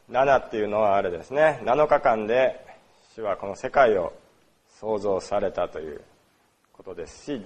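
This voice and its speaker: A pastor from Osaka, Japan, preaches on worship, his pitch rising and falling a great deal. His manner is loose and conversational, full of little fillers and frequent questions to the congregation.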